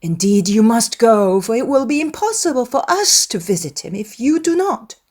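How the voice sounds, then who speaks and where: A woman voicing a fussy, nagging middle-aged gentlewoman in a dramatised novel, exclamatory and insistent. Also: fairly high pitch, sing-song, normal speed. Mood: pleading.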